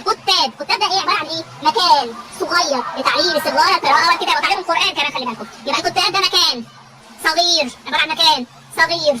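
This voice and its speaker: A woman teacher with an Egyptian Arabic accent drills vocabulary with a class, asking each question again and again and having the class answer back. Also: very high voice. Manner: repetitive call-and-response questioning. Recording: loud crowd and background noise.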